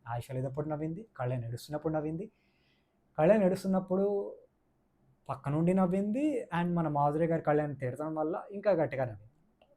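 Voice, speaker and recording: A man's voice: a little high, warm tone. A man giving a casual, opinionated review of a reality show, mixing in English words and repeating his points for emphasis. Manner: mixes English words into speech.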